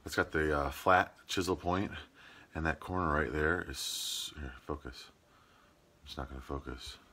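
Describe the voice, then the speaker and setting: Holding the camera at arm's length indoors at home and in his garage, a Midwestern American man in his thirties runs through a gift list for his homestead vlog. His very deep voice moves at a measured pace with a sharp tone, and he mixes jokes and chatter with straightforward product talk.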